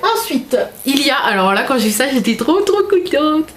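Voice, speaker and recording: A woman's voice: high-pitched, very animated, moderate pace, slight background noise. A young woman in casual vlog chat, unboxing a gift parcel and gushing over each item with lots of fillers. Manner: chatty, gushing, filler-heavy. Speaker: vlogger.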